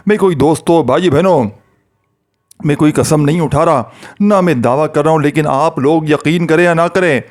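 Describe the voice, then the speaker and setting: A man's voice: on the high side, moderate pace, a little mellow. A man preaching and leading prayer for viewers, pleading with them in repetitive, fervent addresses. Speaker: religious preacher. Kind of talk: devotional talk to viewers.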